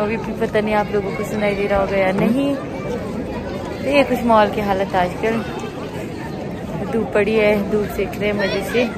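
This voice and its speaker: A young woman talks loudly and chattily to the camera while walking outdoors, vlogging casually. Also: mid-range voice. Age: young adult. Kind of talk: casual vlog chat. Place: outdoors in a busy town street. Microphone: handheld phone camera, no mic. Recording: outdoor phone recording with crowd noise. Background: crowd chatter.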